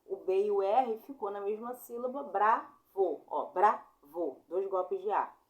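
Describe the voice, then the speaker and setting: A young Brazilian woman giving a casual online grammar lesson, chatty and informal, apologizing often and spelling sounds out slowly. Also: mid-range voice, darkish tone, dull audio. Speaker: Portuguese teacher.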